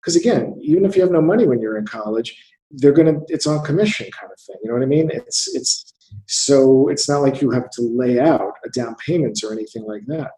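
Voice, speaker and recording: A man's voice: medium pitch, expressive, fairly quick, dark tone, echoey room, poor audio. A man in his fifties from the United States, a theatre investor speaking as an interview guest, thinking aloud and often repeating words. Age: 50s. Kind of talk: conversational interview.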